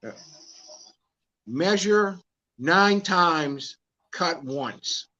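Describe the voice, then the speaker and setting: A man's voice: on the high side, animated, extremely slow, pushed and bright, muffled recording. A man co-hosting a live Q&A, talking to viewers in a folksy, emphatic way. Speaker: co-host of a live Q&A, nonprofit organizer. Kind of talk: casual live-stream talk.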